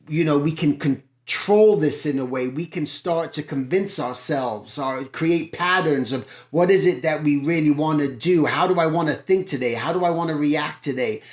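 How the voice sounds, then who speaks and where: An art teacher who hosts a channel gives a motivational talk in a slightly high voice, earnest and encouraging toward his listeners. He keeps looping back on his own phrases and questions, and the room sounds echoey.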